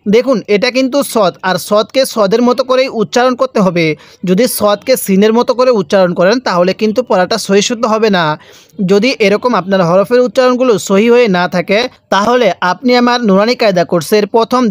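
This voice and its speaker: High-voiced man teaching Quran reading. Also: no room sound. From Bangladesh. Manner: spells letters and vowel marks slowly, then drawls the joined word; repeats the question "how will we read it?" as a refrain. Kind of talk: step-by-step recitation lesson.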